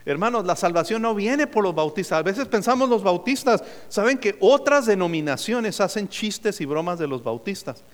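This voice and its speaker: Higher-voiced pastor preaching in a reverberant hall. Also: male voice, very animated, moderate pace, hardly any pauses. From United States. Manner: preaching, calling on the congregation for answers, joking asides. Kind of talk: sermon. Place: church sanctuary.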